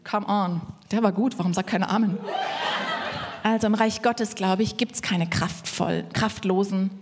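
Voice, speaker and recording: A woman preaching a lively sermon to her congregation, acting out voices and joking with the listeners. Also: medium pitch, moderate pace, a little hiss or hum. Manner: lively, acts out voices in quotes, jokes with congregation. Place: church hall. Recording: church hall reverb.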